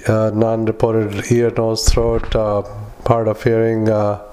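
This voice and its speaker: A man doing medical dictation in halting, clipped fragments, speaking punctuation aloud as a clinician recording patient notes. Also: on the low side, completely flat delivery, warm tone, clear, resonant tone. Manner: halting, fragmented clipped phrases with frequent long hesitations.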